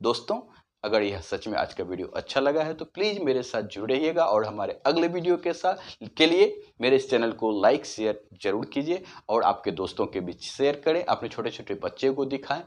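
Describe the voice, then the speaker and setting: A man whose first language is Hindi, teaching English pronunciation, spelling words out letter by letter and then saying them slowly. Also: mid-range voice, very animated. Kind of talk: explaining spelling and pronunciation lesson.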